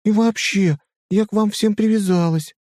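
A man voices a shy, timid young blonde woman who cooks for the crew and cares for them, pitching his natural voice above its usual range so it sits high. Intonation stays fairly even at a moderate pace with a darkish tone, recorded dry at studio quality.

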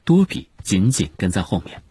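A man narrating a storybook in a lively, expressive way. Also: lowish voice, moderate pace, breathy edge. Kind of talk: storybook reading.

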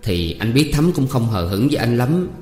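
Storybook: man doing a pushy young heir, Southern Vietnamese accent, teasing, coaxing; reverby room, soft music bed. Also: medium pitch, big pitch swings, normal speed, lightly acted. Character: young male landowner's son, eager and pushy. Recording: roomy reverb, faint music.

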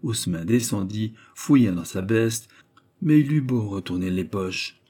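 A man narrating a classic novel at a steady, measured pace. His voice sits a little low and sounds dark and mellow, with a husky grain. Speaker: audiobook narrator.

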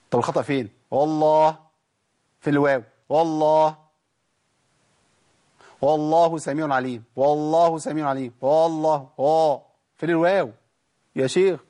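An Egyptian man teaching Quran recitation in colloquial Arabic, asking questions and answering them himself, then reciting verse fragments slowly to show mistakes. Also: on the high side, husky. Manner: lively, asks and answers his own questions, demonstrates verses slowly. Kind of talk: colloquial Egyptian tajweed lesson.

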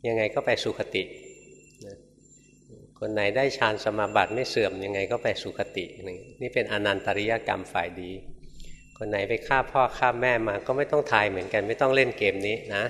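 An older monk preaches a sermon in a low voice. He tells a story and acts out its quoted lines, and he chuckles now and then. His voice rings through a large hall with long reverb and faint noise behind it. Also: moderate pace, fairly bright tone. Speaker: Buddhist monk teacher. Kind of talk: dharma sermon.

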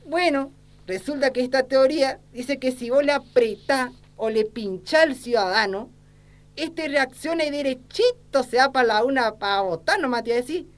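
This woman sounds high-pitched and natural, keeping a normal pace. She portrays a pompous old small-town politician, crooked, lecherous and ignorant, using an Argentine accent and folksy bluster for an amateur satirical sketch.

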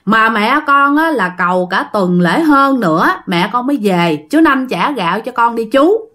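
A woman's voice: a little high, animated, a little slow, a bit bright. A woman voicing an insistent young man who keeps pressing for what he is owed. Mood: pleading. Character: young man, friendly but stubborn.

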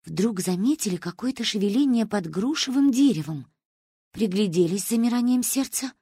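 A woman narrating an audiobook in a playful, animated storytelling manner. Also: medium pitch, normal speed, breathy edge, dry recording, clean studio sound.

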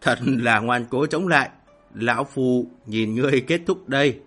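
A man putting on a slow, gloating old fire master. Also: medium pitch, a bit bright, soft background music, lightly acted. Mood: mocking. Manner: slow, drawn-out mocking laughter. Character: boastful old male fire cultivator, playful, taunting. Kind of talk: audiobook character voicing.

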